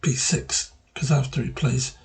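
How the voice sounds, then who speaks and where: A man giving casual move-by-move commentary on his own chess game, thinking aloud and pausing mid-phrase. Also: mid-range voice, fairly even intonation, gravelly.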